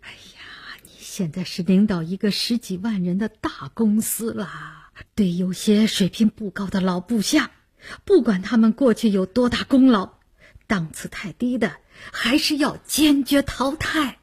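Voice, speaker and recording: A woman's voice: low-pitched, normal speed, husky, voice pushed down. Woman doing a flustered male official. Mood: exasperated. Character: anxious middle-aged male party official, flustered.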